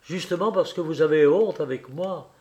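A man's voice: a little high, normal speed, a little mellow, muffled recording, lightly acted. A man reading aloud as an eager, proud teenage boy who speaks in fervent, rising outbursts.

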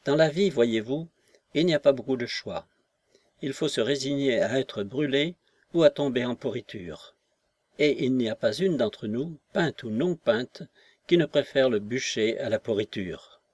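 A man's voice: mid-range voice, lively intonation, measured pace, a little mellow, dry recording. A man reading an audiobook and voicing a fierce older woman revolutionary who speaks vehemently and pointedly. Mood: earnest. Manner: vehement, indignant, lectures pointedly.

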